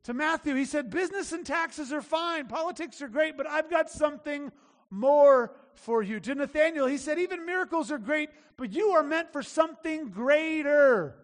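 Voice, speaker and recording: Male preacher, very high voice, chatty emphatic sermon, long echoing hall. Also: moderate pace. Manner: conversational preaching, emphatic repetition. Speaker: pastor.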